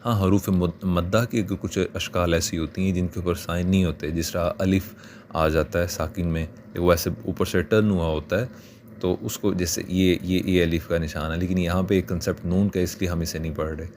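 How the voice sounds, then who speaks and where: A man with a Pakistani Urdu accent teaching children's Quran reading, slowly spelling out letters and vowel marks between quicker explanations. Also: deep voice, fairly even intonation, a little mellow, a little hiss or hum. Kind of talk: spelling out syllables for learners.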